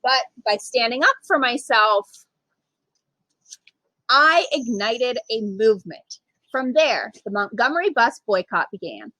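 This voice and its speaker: A storytime reader and literacy program manager reads a picture book to children in an animated, high-pitched voice, emphatic, with dramatic pauses and acted-out dialogue. The audio is poor, though without room sound.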